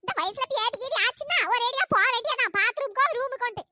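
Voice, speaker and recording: A woman voicing a scheming, gossiping old village woman in a comic skit, with a shrill, chattering manner. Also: quick pace. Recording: noisy home recording.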